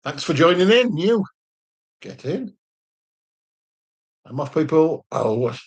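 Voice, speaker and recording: A man's voice: on the high side, big pitch swings, slow pace, breathy edge, dull audio. A man from Hull with a Yorkshire accent, co-hosting a casual live chat, joking and greeting viewers. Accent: Hull, Yorkshire English. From Hull, England. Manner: jokey, laughs often, greets viewers. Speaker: livestream co-host.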